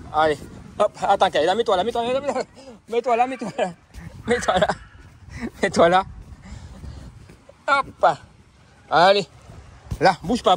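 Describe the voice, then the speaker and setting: A man's voice: sits high, a bit bright, slight background noise. A French father outdoors on a beach, filming with a handheld camera and calling out to his daughter in repeated, laughing encouragement. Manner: repetitive coaxing calls to a child, often laughing. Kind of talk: family vlog narration. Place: sandy beach by the sea, outdoors.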